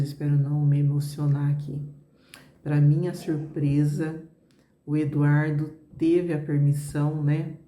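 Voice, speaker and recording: A middle-aged Brazilian woman with a Brazilian Portuguese accent tells her viewers a personal story. Her voice is deep and mellow, and she keeps a chatty tone with many little asides to the audience. The recording carries a noticeable room echo. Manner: conversational, fillers like "né" and "gente", addresses viewers directly. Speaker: travel vlogger.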